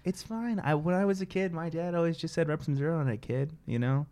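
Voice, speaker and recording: A man's voice: a little high, a little fast, mellow, voice pushed up, close to an everyday voice. A man in improv comedy playing a dazed male ticket taker with a bandaged head who mumbles and halts. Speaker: improv performer.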